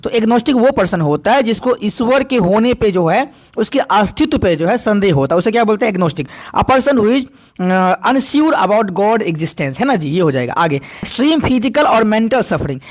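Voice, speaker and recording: A man teaching an exam-prep vocabulary class, asking and answering his own questions over and over and reading definitions slowly. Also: high-pitched, lively intonation. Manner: repetitive call-and-response questioning, slow over English definitions.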